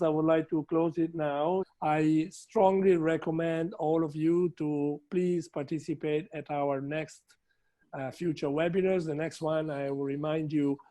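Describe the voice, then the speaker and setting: A man's voice: fairly high pitch, warm tone. A man with an Italian accent hosting a webinar, speaking formally with frequent hesitations. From Italy. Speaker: webinar host. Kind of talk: webinar closing remarks. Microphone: video call.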